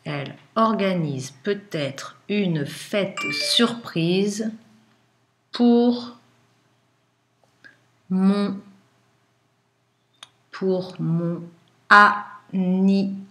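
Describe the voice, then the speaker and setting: A woman schoolteacher dictating to young pupils, pronouncing phrases word by word with deliberate pauses and repeats. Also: medium pitch, fairly bright tone. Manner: deliberate, sounding out words with pauses. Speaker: primary school teacher. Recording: echoey room.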